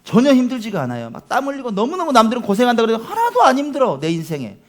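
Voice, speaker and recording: A male pastor preaching a sermon in a high, lively voice that jumps around a lot. He presses his points hard and keeps turning to the congregation with rhetorical questions. The delivery is emphatic and exhorting. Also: racing.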